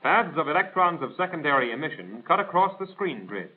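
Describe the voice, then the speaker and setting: An American man whose voice is on the high side reads scripted instructions a little fast, his pitch swinging widely. The delivery is formal, precise and didactic in the manner of a 1940s military training film. The recording is tinny and band-limited, like a 1940s soundtrack.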